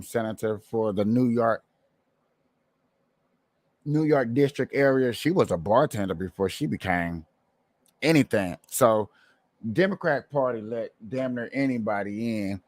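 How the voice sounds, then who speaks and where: Male streamer, average pitch, informal and opinionated, hammers points through repetition, very little room sound. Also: no room sound. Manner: opinionated, colloquial, repeats phrases for emphasis. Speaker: livestream host. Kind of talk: casual political commentary to viewers.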